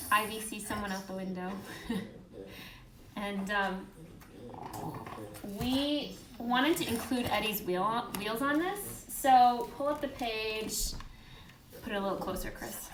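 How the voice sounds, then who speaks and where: A woman with a fairly high voice hosts a casual live stream indoors, chatting warmly with her viewers. She is a host and children's book author. The room is echoey and there is some background noise.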